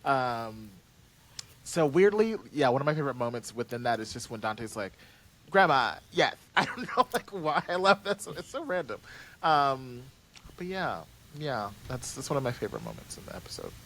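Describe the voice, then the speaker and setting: A man in a casual podcast chat about the audio drama he writes and acts in. He rambles through fillers and restarts, his pitch sitting in an ordinary middle range, and he laughs easily between thoughts. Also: sing-song, moderate pace, fairly bright tone.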